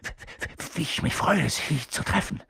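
A man's voice: measured pace, sharp tone, dry recording. A man voicing a pale, twitchy young professor who stammers in a nervous half-whisper.

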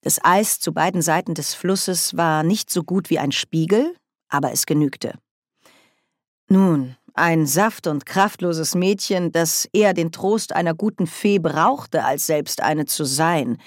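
Low-voiced woman narrating a story. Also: a little slow, dry recording, studio quality. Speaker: audiobook reader. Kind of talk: scripted narration.

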